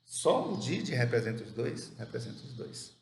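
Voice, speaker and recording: Explaining English grammar one step at a time, this creaky-voiced man sits in the mid range but swings widely in pitch. He asks his own questions and answers them, and he reads each English example slowly and with care in an echoey room with faint background noise.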